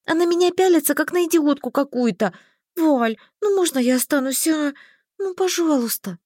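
A woman doing a young heroine in an audiobook, high-pitched and swinging up and down with emotion. She pleads and exclaims a lot. The recording is dry and close. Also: lively intonation, normal speed, darkish tone, dry recording. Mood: pleading. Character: timid, excitable young heroine. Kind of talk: audiobook character voice.

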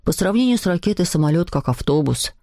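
A woman doing a deep-voiced dramatic schoolboy. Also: lively intonation, quick pace, warm tone, dry recording, studio quality. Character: excitable schoolboy, fond of scary ideas.

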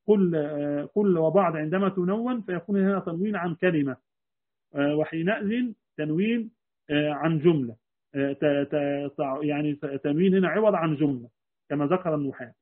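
A man with an Egyptian Arabic accent teaching a creed lesson as a religious teacher, explaining with rhetorical questions. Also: on the high side. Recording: tinny phone-like lo-fi recording.

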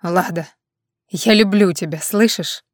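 A woman's voice: fairly low pitch, unhurried, no echo, studio quality, close to an everyday voice. A woman reading the lines of a domineering, possessive man in an audiobook, in a cold, mocking way. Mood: pleading.

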